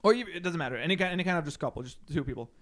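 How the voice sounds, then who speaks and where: A man's voice: on the high side, expressive, racing, a bit bright. A young man co-hosting a casual podcast, telling stories and swearing freely, with a constant "right?" tag. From Canada. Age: young adult. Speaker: podcast co-host. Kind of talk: casual chat.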